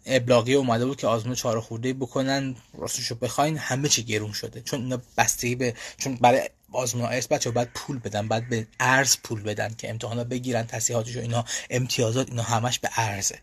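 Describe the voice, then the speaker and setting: A man's voice: mid-range voice, no echo. A man hosting a casual live question-and-answer stream for language learners, talking loosely with frequent fillers and restarts. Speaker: language school host answering viewer questions. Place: lives in Europe.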